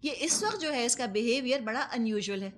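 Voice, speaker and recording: A woman teaching Quran commentary speaks with a Pakistani Urdu accent in a slightly high voice with lively intonation. Her explanations are patient, built on everyday examples, and peppered with English words.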